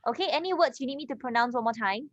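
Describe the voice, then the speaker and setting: A woman's voice: fairly high pitch, lively intonation, very fast, lo-fi sound. A woman with a Singaporean English accent teaching an English reading class, explaining step by step and checking in with her students. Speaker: English tutor. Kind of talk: online class lesson.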